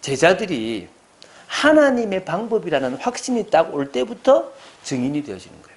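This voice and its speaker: A man's voice: sits high, very animated, moderate pace. A man preaching a Sunday sermon as pastor. He stresses his points hard and keeps putting questions to the congregation.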